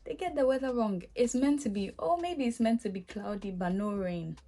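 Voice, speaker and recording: Speaking at normal speed in a voice on the high side, this vlogger, a young woman from Ghana with a Ghanaian accent, casually recounts a story for her viewers. She's animated throughout, laughing as she re-enacts how she reacted back then.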